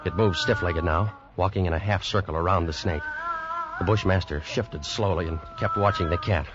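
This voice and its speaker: A man's voice: deep voice, normal speed, heavy background noise, natural voice. An American actor playing a shaken man who tells of mortal danger at sea, with dramatic intensity, in an old radio play. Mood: tense dread. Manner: dramatic, intense first-person storytelling. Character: tense, shaken man recounting a deadly terror aboard ship. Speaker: radio drama actor narrating in first person. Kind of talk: 1940s-50s radio suspense acting. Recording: dull vintage radio recording, loud orchestral music.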